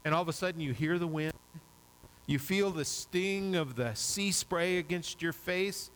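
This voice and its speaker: A man's voice: a little high, measured pace, a bit bright, low-quality recording. A man preaching a sermon, retelling a Bible story vividly in the second person.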